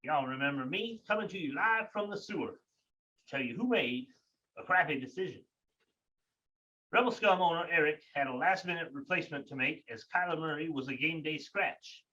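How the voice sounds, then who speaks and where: Man voicing a sewer reporter, echoing tunnel sound, pitched up, emphatic, mock-grave announcer delivery. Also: expressive, normal speed, bright, forceful tone, recorded from a distance. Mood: mock gloomy. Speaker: fantasy league commissioner.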